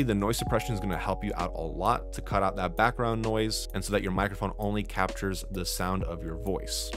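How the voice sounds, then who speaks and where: A low-voiced man in his twenties walks through software settings one step at a time, speaking into a boom-arm studio mic. He's a streaming tutorial creator recording a screen-captured tutorial in a small, dim bedroom studio lit in blue.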